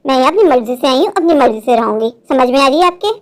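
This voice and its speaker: A woman's voice: high voice, lively intonation, quick pace. A woman voicing a cunning, defiant young bride in a cartoon, taunting in a mock-sweet way. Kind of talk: animated Hindi cartoon voice acting.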